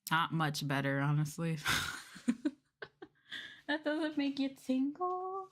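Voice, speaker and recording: This VTuber has a high voice with huge pitch swings and speaks at a slow pace. She chats casually on an ASMR livestream, close to the mic, sounding playful, giggly and a little unsure.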